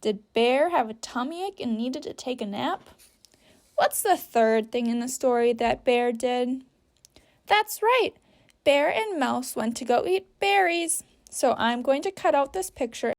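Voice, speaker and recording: A woman teacher gives young children an instructional read-aloud, guiding them step by step through a story activity with patience, simple sentences and guiding questions. Her voice sits high and sounds animated, and she speaks a little slowly.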